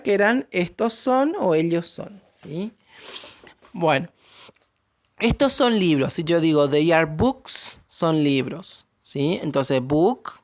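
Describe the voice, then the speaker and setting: A woman teaching an English lesson at an unhurried pace, her pitch rising and falling a lot as she stresses each example. The sound is close and dry. She keeps stopping to ask whether the class follows. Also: no room sound. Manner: explains slowly, checks in with a questioning tag after each point.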